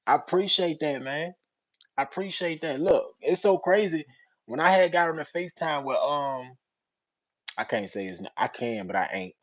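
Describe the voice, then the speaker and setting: A young man with a Richmond, Virginia accent, hosting a casual live-stream chat with viewers. He uses street slang and breaks into loud teasing. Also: fairly high pitch, expressive, moderate pace, muffled recording. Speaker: channel host.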